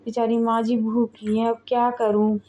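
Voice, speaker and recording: A woman's voice: a little high, completely flat delivery, moderate pace, warm tone, close to an everyday voice. A woman voicing a dutiful young daughter-in-law who speaks politely and obediently. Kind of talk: family drama voice acting. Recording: dull audio with faint music.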